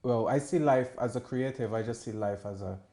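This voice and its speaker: Speaking fairly quickly, a man from Barbados with a warm, medium-pitched voice and a Bajan accent chats informally as a musician in an interview. He frequently rephrases what he says. The room around him is roomy and echoey.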